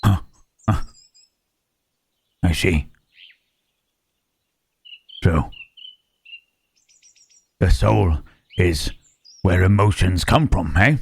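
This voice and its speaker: A man voicing a gentle, melancholy monster in an ASMR roleplay, speaking haltingly and pensively in formal phrases with questioning hums. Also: dry recording, heavily acted. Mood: musing, puzzled. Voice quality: low, husky. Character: gentle, melancholy Frankenstein's monster, male, pondering his soul.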